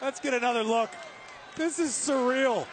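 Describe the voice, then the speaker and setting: High-voiced, emphatic male wrestling commentator. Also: moderate pace. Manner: dramatic, emphatic, hyperbolic. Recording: loud crowd and arena noise.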